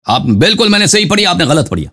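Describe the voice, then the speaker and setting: A man debating over a video call, mocking and correcting his opponent, reciting grammar analysis in a measured way. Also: high voice, sing-song, pushed and bright. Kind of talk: heated online debate.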